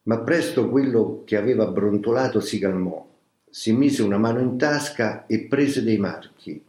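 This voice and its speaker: Low-voiced man reading a memoir gravely. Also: mellow. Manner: slow, grave, measured reading. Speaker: reader of a memoir. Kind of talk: scripted audiobook narration. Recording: roomy echo.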